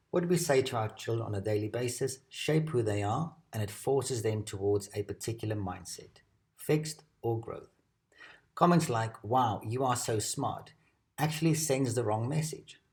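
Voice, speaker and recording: A man reading a scripted educational narration at a measured, steady pace. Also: mid-range voice. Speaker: presenter.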